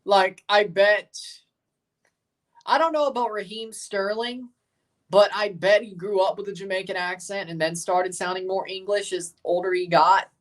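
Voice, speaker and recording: This livestream host, a Mississippi man with a Southern accent, talks casually with his viewers about a match, replying to their comments in a laid-back, wandering way. He has a high, steady, fairly bright voice at a moderate pace, picked up from a distance.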